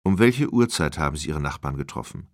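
A man's voice: a bass voice, lively intonation, fairly quick, no echo, studio quality. A man reading an audiobook, voicing an urgent female police officer who questions witnesses in a clipped, insistent way.

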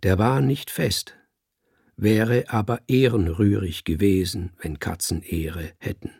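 A man narrating a storybook in the first person, calm and measured. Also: fairly low pitch, vocal fry, breathy edge, dry recording, studio quality. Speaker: audiobook narrator.

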